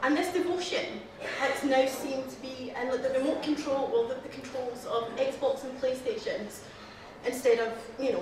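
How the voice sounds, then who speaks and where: A nervous Scottish woman delivers the humorous reply to the toast to the lassies, giggling between lines and apologizing a lot. Her voice sits high, with a bright, forceful tone. She's recorded from far off in a very echoey hall with faint background noise.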